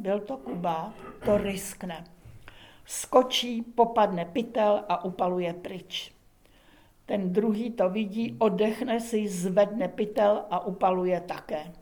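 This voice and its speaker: A woman narrating a humorous folk tale in a lively, expressive reading with dramatic pauses. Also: mid-range voice. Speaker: storyteller.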